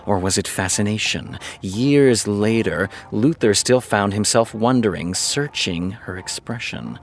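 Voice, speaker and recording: Playing a fed-up, sarcastic TV creator in a fiction podcast, this man reads fan fiction aloud at a measured pace in a lowish voice. Between passages he mutters sardonic remarks, and faint music plays behind him.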